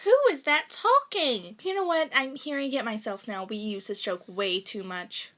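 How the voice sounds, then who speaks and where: A man voicing a flustered young female pony with a shrill, scolding manner. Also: very animated, a little slow, sharp tone, exaggerated voice. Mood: exasperated.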